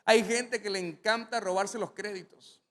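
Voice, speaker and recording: Animated male pastor preaching. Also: high voice, moderate pace. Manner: animated storytelling with sudden loud climaxes. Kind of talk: sermon.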